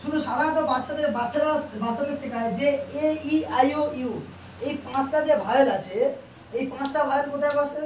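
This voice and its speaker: A teacher with a high voice explains grammar in classroom style, posing a question and then answering it, repeating each point. The sound is roomy and echoing, and the speaker stands some way from the mic. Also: a little fast, a little hiss or hum. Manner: asks questions and answers them, repeats to drill. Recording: roomy echo, distant mic.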